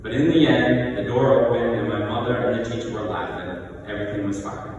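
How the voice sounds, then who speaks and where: Middle aged guy reading out a eulogy in short measured phrases, super echoey church, mic far off. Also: mid-range voice, dull audio. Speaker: son giving a eulogy. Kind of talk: prepared eulogy speech, read aloud. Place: large reverberant church. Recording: echoey church hall, distant mic, noisy.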